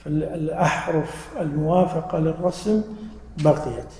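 A man gives a mosque lesson, explaining patiently and testing his listeners with questions. His voice sits a touch high, with a gravelly, mellow grain. The sound rings with the long reverb of a large hall. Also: steady tone, a little slow. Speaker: religious teacher. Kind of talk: mosque lesson to a live audience.

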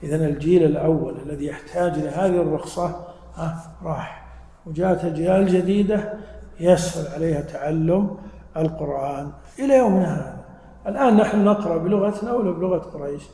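A man with a warm, fairly high voice speaks fairly quickly as he teaches religion to a live audience. He explains with patience and puts questions to his listeners, all in an echoey hall with a long reverb tail.

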